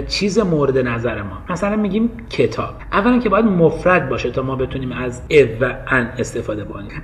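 A man's voice: high voice, fairly bright tone. A man with a Persian accent teaching English grammar, explaining patiently and mixing Persian with English examples.

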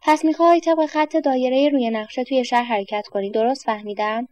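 A woman's voice: high-pitched, steady tone, darkish tone, dry recording, natural voice. A woman doing a kindly man with a walking stick. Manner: questioning, teasing, then encouraging.

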